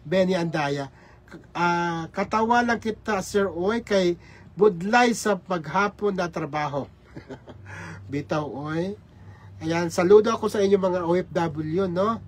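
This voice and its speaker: A man's voice: high-pitched, slow. A man hosting a casual livestream, greeting viewers by name with repeated hellos. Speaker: livestream host.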